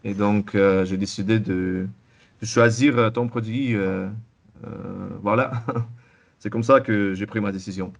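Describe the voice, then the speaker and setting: A young Russian-accented man speaks French as a second language in a low voice, his answers coming in halting bursts with many restarts and repeated words. He's a former student giving a casual testimonial in a relaxed interview.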